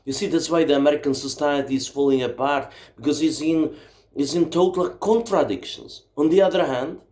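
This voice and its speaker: A book vlogger with a Czech accent, Czech being his native language, rants bluntly and profanely from his home library. His voice sits fairly high and comes out fairly quick and a little mellow, with a roomy echo on the recording.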